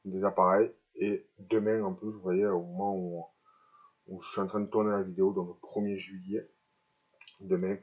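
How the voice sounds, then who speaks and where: A man talks haltingly in a personal vlog, his speech slightly impeded by dental braces. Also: low voice, level tone, dull audio. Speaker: vlogger. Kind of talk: personal vlog confession to camera.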